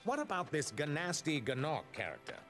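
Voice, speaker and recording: A man's voice: fairly high pitch, very animated, normal speed, fairly bright tone, soft background music. An actor voicing a worried male dragon elder in a game cutscene, asking concerned questions. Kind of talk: video game cutscene voice acting.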